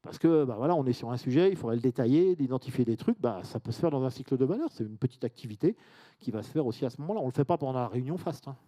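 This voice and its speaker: A man's voice: medium pitch, expressive, very fast, mellow. Chatty man giving a conference talk. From France. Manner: chatty and informal, with asides and audience questions. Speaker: conference speaker. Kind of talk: conference presentation to a live audience.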